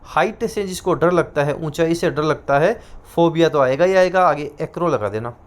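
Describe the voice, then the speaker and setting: A male teacher with a Rajasthani Hindi accent giving an exam-prep lecture, repeating each answer slowly as if dictating terms. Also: on the high side.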